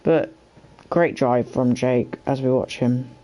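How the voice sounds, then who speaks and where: A race co-commentator for an online racing league, reacting with quick bursts of excitement. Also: medium pitch, low-quality recording.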